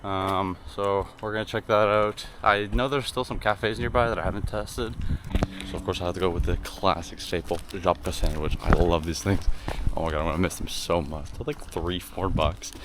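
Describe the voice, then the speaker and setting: A man's voice: deep voice, normal speed. A young man from Canada, talking casually on a travel vlog with many fillers while walking outdoors. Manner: relaxed, rambling with many fillers. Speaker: travel vlogger. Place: city streets outdoors. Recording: noisy outdoor street recording.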